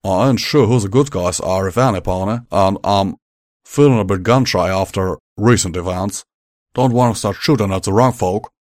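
A man voicing a blunt, folksy male pegasus gunslinger with a loud country drawl. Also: lowish voice, fairly even intonation, fairly quick, few pauses, no echo, studio quality, natural voice. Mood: gruff.

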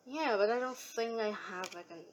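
On a rough recording with slight background noise, a young non-native English-speaking streamer reads viewer comments and chats casually. She's giggly and rambling, often restarting to correct herself, speaking at normal speed in a fairly high voice.

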